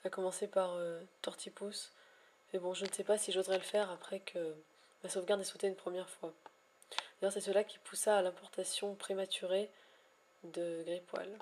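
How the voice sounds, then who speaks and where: A woman vlogging about her shiny hunts in a wordy, elaborate way, pausing often with hesitations and gushing affectionately at times. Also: medium pitch, darkish tone, a little hiss or hum. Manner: ornate, wordy phrasing with frequent hesitations. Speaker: Pokémon shiny hunter vlogger. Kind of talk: casual vlog narration.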